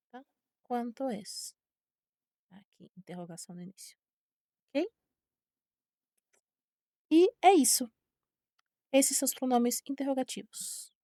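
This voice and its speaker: A woman's voice: high-pitched, dark tone, dry recording, clean studio sound. A Brazilian woman teaching a Spanish lesson online, speaking patiently and repeating each word. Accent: Brazilian Portuguese. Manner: patient, repeats words slowly, checks with "tá?".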